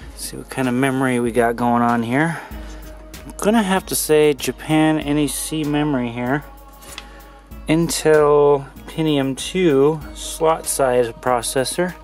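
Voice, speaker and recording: A man talks into a handheld camera as he wanders through cluttered rooms, curious and upbeat, thinking aloud with plenty of fillers. His voice sits at an ordinary middle pitch. A little music plays faintly underneath. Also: a little slow. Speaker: vlogger exploring and inspecting an old computer. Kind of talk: casual handheld vlog narration. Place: cluttered indoor rooms of an empty house. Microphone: handheld camera mic.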